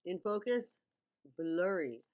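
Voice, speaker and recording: A woman's voice: lowish voice, sing-song, slow, darkish tone, muffled recording. A woman giving casual, teacherly running commentary as she breaks down visuals, often checking in with the listener. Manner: teacherly, checks in with okay and right. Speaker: video commentator breaking down a music video.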